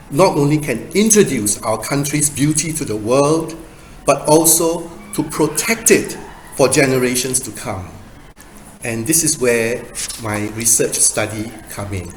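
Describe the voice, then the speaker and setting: A man in his fifties from Singapore, giving an academic presentation in a measured, emphatic way with rhetorical questions. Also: medium pitch. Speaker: guest speaker, doctoral researcher. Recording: echoey room with faint noise.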